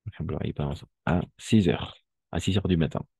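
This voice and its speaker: A man teaching a live online class, repeating phrases slowly to drill pronunciation and often checking that his students follow. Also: low voice, creaky, dark tone, husky, dry recording. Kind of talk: online language lesson.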